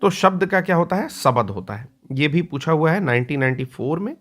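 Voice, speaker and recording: A male teacher giving an exam-prep lecture. He explains patiently, repeats key words slowly and often clears his throat. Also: on the high side, expressive.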